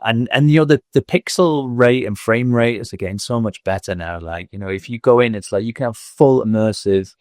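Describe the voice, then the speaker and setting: On a podcast interview, a school owner in his thirties from Manchester, England, looks back on his career in a Mancunian accent, filling his speech with frequent fillers. He talks briskly at a medium pitch with few pauses, in studio-quality audio with no room sound.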